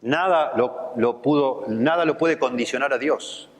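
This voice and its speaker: Rioplatense pastor telling a story in a hall. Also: male voice, medium pitch, a little slow. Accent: Rioplatense Spanish. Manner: conversational storytelling, acts out quoted voices. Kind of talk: sermon with personal anecdote. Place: church.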